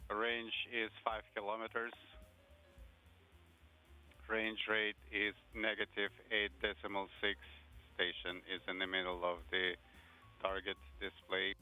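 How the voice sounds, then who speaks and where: A man's voice: on the low side, completely flat delivery, a little slow, pauses often, sharp tone. A man giving clipped procedural callouts as an interpreter over a tinny space-to-ground radio link. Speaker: interpreter relaying spacecraft comms. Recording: tinny radio line with faint music.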